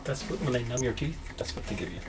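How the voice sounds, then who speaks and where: A middle-aged man chatting casually, reassuring and gently teasing. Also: mid-range voice, fast. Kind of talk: casual chat. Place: small dental clinic room, indoors.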